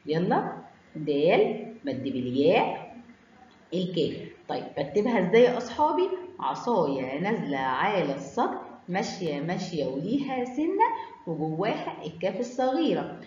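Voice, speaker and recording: A woman with an Egyptian accent teaching children Arabic letters, sounding them out in a sing-song, drawn-out way. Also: fairly low pitch, big pitch swings, a little mellow, slight background noise. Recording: roomy, slightly dull recording.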